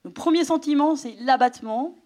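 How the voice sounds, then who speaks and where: A woman's voice: high voice, normal speed. A middle-aged woman giving a personal testimony to an audience, telling her story with animation and sometimes dropping to a whisper. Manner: animated storytelling, drops to a whisper for inner thoughts.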